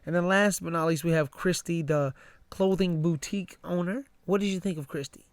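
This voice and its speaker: A man's voice: high-pitched, fairly even intonation, fairly quick, dry recording. A man co-hosting a fan show, chatting casually in an easygoing, agreeable way. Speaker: podcast co-host. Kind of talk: casual chat.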